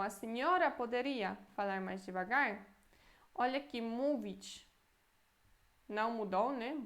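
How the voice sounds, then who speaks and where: Patient Brazilian woman teaching Polish. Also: mid-range voice. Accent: Brazilian Portuguese. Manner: patient, explanatory, slows down to repeat Polish phrases. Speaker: language teacher. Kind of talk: Polish lesson explained in Portuguese.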